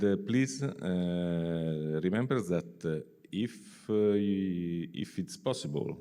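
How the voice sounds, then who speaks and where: A man's voice: sits low, mellow. A man introducing a conference session, hesitant and full of "uh" fillers. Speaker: session moderator. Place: conference hall. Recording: long hall reverb.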